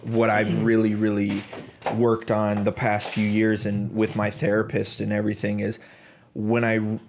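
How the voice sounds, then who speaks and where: A man's voice: lowish voice, completely flat delivery, measured pace, a little mellow, slight background noise. A man co-hosting a podcast, talking in a reflective way with many fillers and restarts. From United States. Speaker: podcast co-host. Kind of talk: casual chat.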